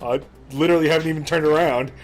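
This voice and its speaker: A man's voice: on the high side, steady tone, fast, faint music behind. A man talking loosely and giggling often as he plays a video game. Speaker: let's play player. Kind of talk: casual gaming banter.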